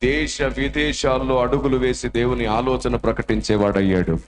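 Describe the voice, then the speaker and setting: A man's voice: mid-range voice, fairly even intonation, moderate pace, echoey room, slight background noise. A man preaching a sermon that tells a story dramatically. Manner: dramatic, acts out voices.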